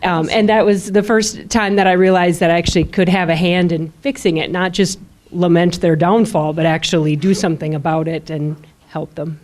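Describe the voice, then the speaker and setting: A woman telling a personal story as a panel guest, reflective and unhurried with some fillers. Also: lowish voice, steady tone, darkish tone.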